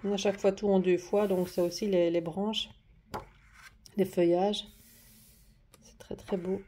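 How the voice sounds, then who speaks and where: Sitting at her desk at home, a woman with a warm, mid-range voice and flat, moderately paced delivery shows craft paper pads in a casual vlog. She's chatty but hesitant, with many fillers and restarts. The desk camera is moved closer and back, and there's slight background noise.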